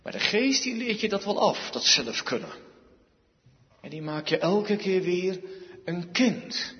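A male preacher giving an emphatic sermon, with dramatic pauses and repeated phrases. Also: high-pitched, lively intonation. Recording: dull sound, echoey hall.

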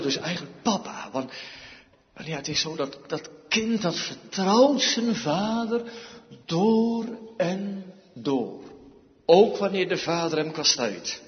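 A man's voice: a little high, lively intonation, slow, in a large hall, highs cut off. A male pastor preaching a sermon, emphatic, repeating key words and asking rhetorical questions.

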